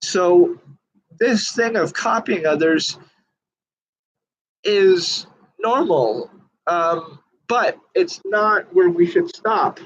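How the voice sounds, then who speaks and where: Earnest rambling man, husky and lo-fi. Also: high voice, expressive, very slow, long pauses, fairly bright tone. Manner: earnest, rambling with many fillers and restarts. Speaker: magician reviewing a book. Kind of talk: casual talk to camera.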